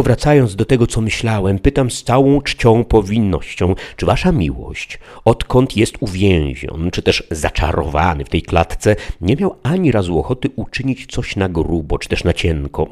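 A man's voice: sits low, expressive, moderate pace, darkish tone. A man reading an earnest pleading old-time squire. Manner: pleading, wordy, old-fashioned speech. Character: simple loyal squire, adult male, earnest and pleading. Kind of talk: audiobook character reading.

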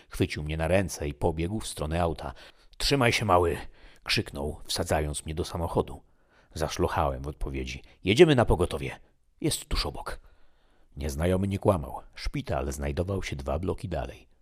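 A man reading a first-person story aloud in a measured, subdued way. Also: rumbling low, darkish tone, husky. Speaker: narrator.

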